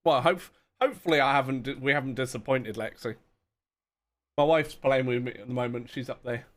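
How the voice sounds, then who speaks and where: This gamer rambles through relaxed live-stream chatter, often laughing and making fun of himself. He has a mid-range voice and talks fairly quickly.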